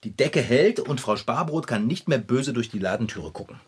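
A man voicing an excitable, easily panicked male bicycle mechanic in a children's radio play. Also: medium pitch, moderate pace, a little hiss or hum, natural voice. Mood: pleased.

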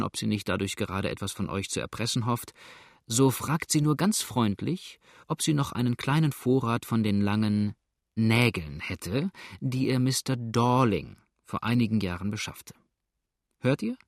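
A man reading an audiobook voices a gruff, grumbling older frontier rider with a curt manner. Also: medium pitch, expressive, normal speed, dry recording, clean studio sound. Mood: sly.

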